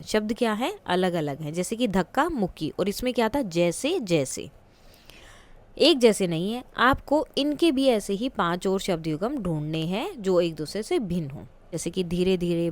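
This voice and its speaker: A woman teaching a school textbook lesson, explaining patiently step by step with examples and questions to the class. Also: on the low side.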